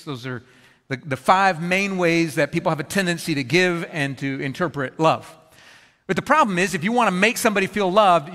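A man preaching to his congregation in a church auditorium. His voice sits high and sounds bright and forceful. He talks in an easy, conversational way and acts out small everyday scenes with humor, and the sound carries the long echo of a big hall. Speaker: pastor. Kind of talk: sermon. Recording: long reverb of a large hall.

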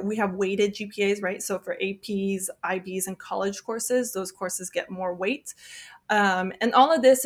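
A woman admissions officer talking through a podcast interview at a middle pitch. She explains patiently, fills pauses with "um" and checks in with "right?". Her phrase endings often fade to almost nothing. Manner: explains with frequent ums and rights.

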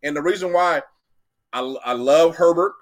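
With a slightly high voice at a moderate pace, a young adult co-host rambles through a casual sports debate. He repeats himself and turns animated while arguing his predictions.

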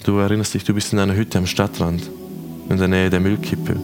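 A man from Switzerland narrating as game master of a tabletop game, slow and dramatic, voicing figures' quotes. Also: deep voice, level tone. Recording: music playing behind.

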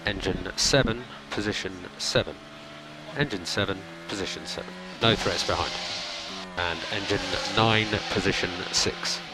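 A calm male race engineer on team radio. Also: low voice, moderate pace. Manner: calm, clipped, repeats each instruction. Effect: race car team radio. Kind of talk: team radio instructions to a driver. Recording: radio voice over loud car noise.

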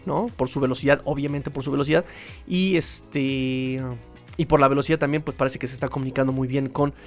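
A Mexican man hosts a sports podcast alone, offering informal commentary in a chatty, colloquial style. His voice is fairly high.

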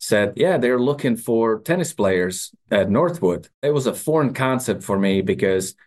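A Czech-accented man around fifty, a guest in an interview, tells his story at an unhurried, matter-of-fact pace. His voice sits fairly low, and he drops in dry, wry asides. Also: animated, darkish tone. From Czech Republic. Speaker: guest, company CEO.

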